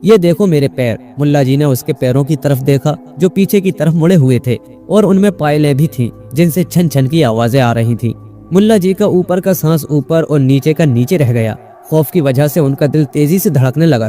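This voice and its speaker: Mellow male storyteller over soft music. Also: fairly high pitch. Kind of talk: scripted narration.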